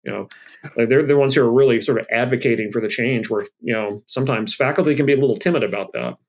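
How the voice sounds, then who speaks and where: A man, a math professor, answering interview questions in lively conversation, repeating words and laughing as he talks. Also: medium pitch, fast. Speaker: guest author, math professor.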